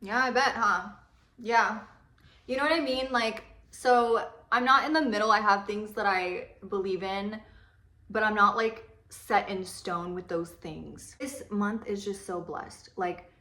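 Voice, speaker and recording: A woman's voice: mid-range voice, a little slow, sharp tone. A young woman chatting casually in a rambling, chatty way, swearing now and then while she does her makeup. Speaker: beauty vlogger. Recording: roomy echo.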